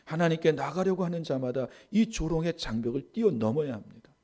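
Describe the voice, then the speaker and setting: A man, a pastor, preaching a sermon, rising to loud emphatic stress and dropping to soft asides. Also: fairly high pitch, expressive, a little fast.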